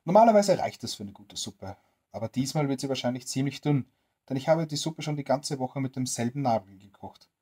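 Jolly, crafty tramp, friendly and coaxing, slightly husky tone, read by a storyteller, a bedtime storybook role. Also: medium pitch, expressive, brisk, mellow, lightly acted. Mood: sly. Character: cheerful cunning male tramp.

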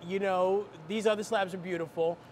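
A woman's voice: medium pitch, fairly even intonation, normal speed, a little mellow. A woman on a walkthrough in a big stone warehouse, talking with enthusiasm and admiration, restarting her sentences as she thinks aloud. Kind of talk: casual on-site walkthrough. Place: large stone slab warehouse, indoors. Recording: noisy warehouse recording.

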